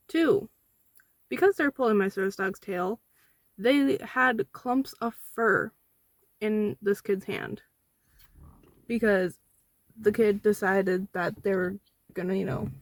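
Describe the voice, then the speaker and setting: A woman's voice: mid-range voice, dry recording. A young woman giving casual, argumentative commentary in reply to online comments, counting off her points indignantly. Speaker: vlogger with a service dog.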